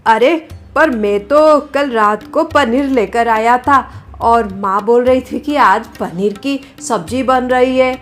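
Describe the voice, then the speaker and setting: A harried young husband grumbles at a slow, drawn-out pace in a cartoon story, voiced by a woman. The voice sits high for a man and sounds exasperated. Soft music plays behind him. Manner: exasperated, complaining. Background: background music.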